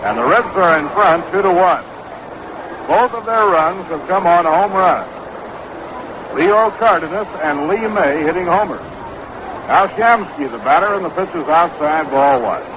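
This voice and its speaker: This is a dull, noisy 1960s AM radio recording of an American man in a stadium booth calling a baseball game in period commentary style. His high voice is animated, and he keeps a measured pace.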